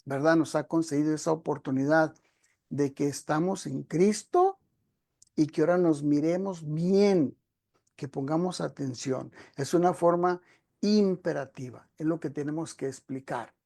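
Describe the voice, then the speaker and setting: A man's voice: on the high side, measured pace, gravelly, dark tone. A male preacher giving a teaching sermon, explaining a passage step by step and often addressing the congregation directly. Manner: explanatory, addresses listeners as brothers and sisters.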